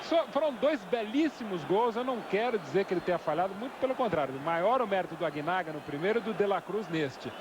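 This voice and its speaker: A man's voice: sits high, animated, fast, hardly any pauses. A Brazilian man giving live football analysis as co-commentator, explaining his opinions in long asides. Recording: noisy outdoor stadium broadcast. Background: stadium crowd noise.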